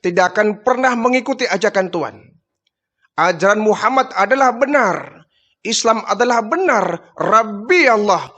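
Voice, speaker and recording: A man's voice: high-pitched, fairly bright tone, exaggerated voice. A man voicing a poor, devout woman who firmly defies her tormentor, within a storytelling sermon. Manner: firm, defiant declarations. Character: defiant devout poor woman, unshakable faith.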